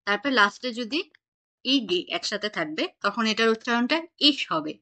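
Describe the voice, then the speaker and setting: A woman's voice: medium pitch, animated, normal speed, sharp tone. A woman teaching an online German class, patiently quizzing her students on pronunciation over a video call.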